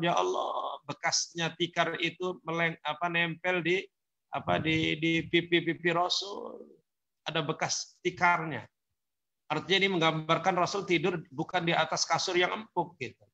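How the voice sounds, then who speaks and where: Male preacher at a study gathering, high and bright, retells stories mixing in Arabic quotes with casual asides. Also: highs cut off. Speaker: Islamic preacher. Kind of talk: religious study talk, storytelling.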